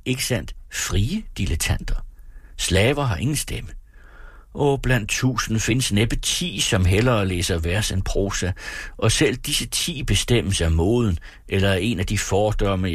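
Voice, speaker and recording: A man giving a dramatic reading of an old essay, with a theatrical delivery that swings between high and low. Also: husky, no echo, clean studio sound. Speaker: reader.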